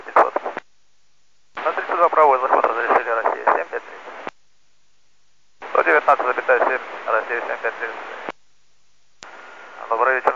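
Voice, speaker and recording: A man's voice: mid-range voice, creaky. A man speaking as an airline pilot over a radio transmission from the cockpit, giving terse, clipped callouts with his call sign. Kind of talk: air traffic radio exchange. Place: aircraft cockpit. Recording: muffled, noisy cockpit radio.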